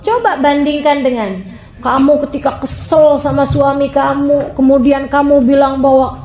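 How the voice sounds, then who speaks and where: A woman preaching a sermon to her sisters, emphatic, swinging between high exclamations and low drawn-out phrases. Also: steady tone, a little mellow, reverberant, some chatter behind. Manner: addresses her listeners as sisters again and again. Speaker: Islamic preacher.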